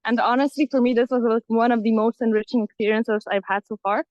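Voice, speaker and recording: A woman's voice: fairly high pitch, fairly even intonation, quick pace, a little mellow, no echo. A young woman from Lithuania, a student ambassador, giving a hesitant, apologetic testimony over a phone video call. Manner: hesitant, apologetic, many fillers. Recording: dull lo-fi call audio.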